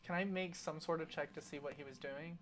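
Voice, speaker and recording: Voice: medium pitch, fairly even intonation, brisk, crowd noise. A person bantering casually as a player in a tabletop role-playing game. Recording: clear crosstalk around the table.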